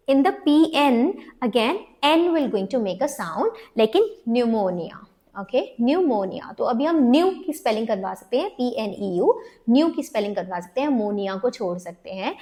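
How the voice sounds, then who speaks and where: A woman with an Indian English accent leads a phonics lesson for parents, her voice sitting a little high. She moves back and forth between Hindi and English and slows right down whenever she sounds out a letter. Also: darkish tone. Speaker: phonics trainer.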